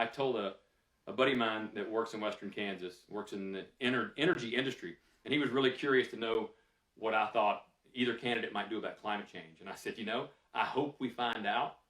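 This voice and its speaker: Fielding questions from the audience after his lecture, a man speaks candidly and conversationally, using fillers as he thinks aloud. His pitch is fairly low and his tone a bit bright. The recording is roomy, the mic set some distance away.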